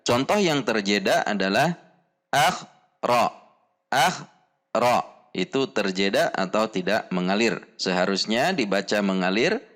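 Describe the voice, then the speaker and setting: A man with an Indonesian accent teaching Quran letter pronunciation in a slow lesson, drilling each sound again and again. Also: on the low side, lively intonation, fairly bright tone. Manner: slow, deliberate, demonstrates sounds repeatedly.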